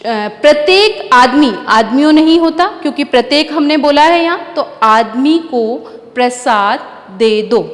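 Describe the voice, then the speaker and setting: A woman teaching a grammar lesson to children, slowly repeating and correcting each word. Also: sits high. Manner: slow, deliberate, repeats and spells out words. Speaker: school teacher. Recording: echoey room with long reverb.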